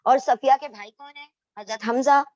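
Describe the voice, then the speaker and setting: A woman's voice: high-pitched, moderate pace, darkish tone, no echo, dull audio. A woman teaching a casual class, explaining step by step and asking her students questions, often correcting herself. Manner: self-correcting, restarts. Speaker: Islamic history teacher.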